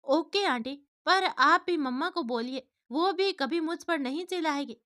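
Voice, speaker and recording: A woman's voice: high-pitched, a little slow, fairly bright tone, voice pushed up. A woman voicing a cheeky three-year-old boy in a storybook tale, talking in a broken, childish way. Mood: sweet. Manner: childish broken lisping speech.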